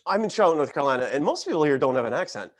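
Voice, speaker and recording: Male host, casual rambling monologue, very animated delivery with lots of laughter. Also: very fast. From Connecticut, US. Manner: animated, laughs often, jumps in pitch. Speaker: late-night show host. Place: home studio, live stream.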